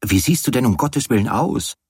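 A man reading an audiobook, voicing a brisk, teasing young woman friend with a lifted tone. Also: medium pitch, expressive, darkish tone, breathy edge, no echo, studio quality, pitched above the performer's own voice. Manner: teasing, blunt.

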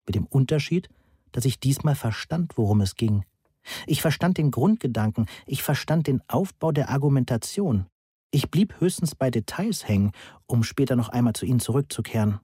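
A male audiobook narrator with a dark, mellow and slightly husky voice. He reads in the first person, precise and matter-of-fact. The recording is close and completely dry. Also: mid-range voice, dry recording.

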